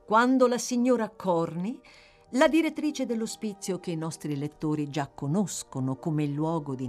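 A woman's voice: mid-range voice, darkish tone. A woman narrating a classic novel aloud as an audiobook reader, with dramatic phrasing that lingers on words.

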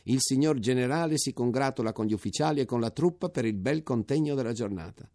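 A man's voice: mid-range voice, fast talker, dark tone, no room sound, studio quality, voice pushed up, lightly acted. A man reading the part of an anxious army major in his fifties who frets and confides in earnest. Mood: elated. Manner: fretful questions, later earnest confiding. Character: anxious fiftyish army major, nervous then relieved.

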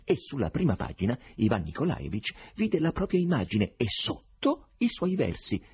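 A man reading a novel aloud as an audiobook narrator, expressive and measured. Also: medium pitch, breathy edge. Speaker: audiobook reader.

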